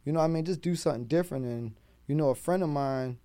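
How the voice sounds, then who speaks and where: A man with a Baltimore accent tells a podcast host about his hustle in a loose, animated, profane voice. His voice sits a bit high. The sound is dry, close and clean, with no room around it. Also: fast, clean tone, no room sound. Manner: streetwise, profane, animated storyteller. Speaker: guest, rapper and food truck owner. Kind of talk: casual podcast storytelling.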